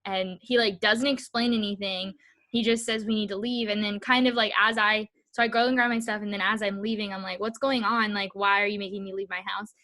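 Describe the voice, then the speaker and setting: This podcast co-host is a young woman with a mid-range, sharp-toned voice and fairly level intonation, talking briskly. Her storytelling is casual and animated, full of "like," with dialogue she acts out.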